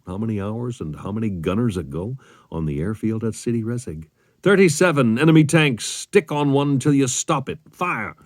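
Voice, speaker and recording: A man reading a wartime memoir aloud as an audiobook, with measured, dramatic storytelling. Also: sits low, darkish tone, dry recording, studio quality. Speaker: audiobook reader.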